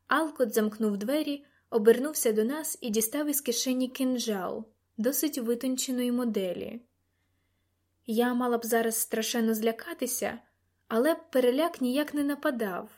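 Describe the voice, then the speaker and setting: A woman narrating a first-person novel in an audiobook with vivid, expressive storytelling. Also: a little high, moderate pace.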